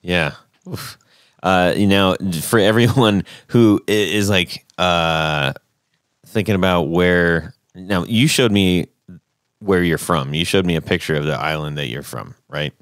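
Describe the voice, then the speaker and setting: A man hosting a podcast, interviewing a guest in relaxed chat, joking and laughing often. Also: sits low, a little slow, dry recording, studio quality. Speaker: podcast host.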